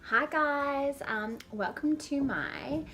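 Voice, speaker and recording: A woman's voice: sits high, slow pace, a bit bright, faint music behind. A young adult woman chatting casually and informally to camera, with a lisp and whistling s sounds from dental aligners, rambling in a self-deprecating way. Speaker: vlogger.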